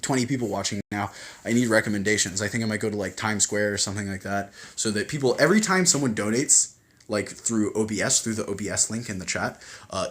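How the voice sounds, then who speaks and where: A man talks into a phone as he hosts a casual livestream, rambling from point to point and reading viewer comments aloud. He is full of fillers and restarts, and his voice sits on the low side. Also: a little hiss or hum. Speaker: livestream host.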